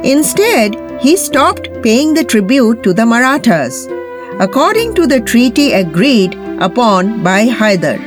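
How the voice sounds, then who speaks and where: High-voiced woman narrating over music. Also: sing-song, unhurried. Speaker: podcast host. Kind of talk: scripted history narration. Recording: music bed under the voice. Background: background music.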